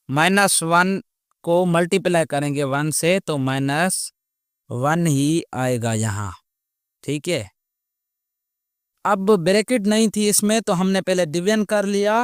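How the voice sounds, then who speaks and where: A male math teacher walks through a problem at a very unhurried pace. His voice sits a little high and comes through smooth and clear. He keeps pausing to ask whether students follow. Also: dry recording, studio quality. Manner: slow, patient explaining with repeated check questions. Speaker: math teacher, channel host. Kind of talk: step-by-step math lesson.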